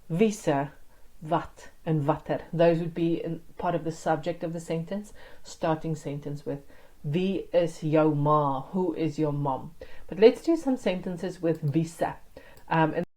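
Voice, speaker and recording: A woman's voice: low voice, warm tone, low-quality recording. A woman teaching an online grammar lesson, explaining step by step in an encouraging way. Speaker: language teacher.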